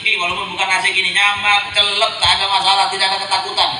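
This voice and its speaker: A man preaching, his high, sharp voice animated as he tells stories and recites Arabic verses. He sounds distant in a roomy hall, with faint ambience behind him. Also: fast. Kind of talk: sermon.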